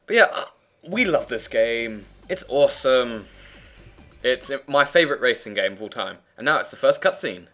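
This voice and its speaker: A man's voice: medium pitch, expressive, moderate pace, a bit bright. A man giving casual, opinionated let's play commentary in a chatty way. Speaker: gaming commentator and player. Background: faint game music and sound.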